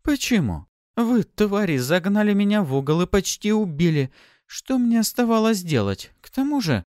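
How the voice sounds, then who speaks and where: A man's voice: on the high side, very animated, moderate pace, darkish tone, no room sound, clean studio sound, pitched above the performer's own voice. A man doing a sly teasing succubus. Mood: mocking. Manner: mocking, playful, purring. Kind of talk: audiobook character voice.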